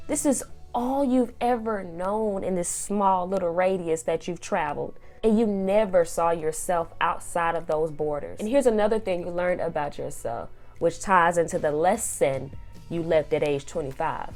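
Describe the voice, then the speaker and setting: A woman's voice: on the low side, normal speed, darkish tone, soft background music. A young woman from Kansas City, talking casually in a faith-based advice vlog, playful and sassy as she preaches straight to her younger self. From Kansas City, USA. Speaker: vlogger.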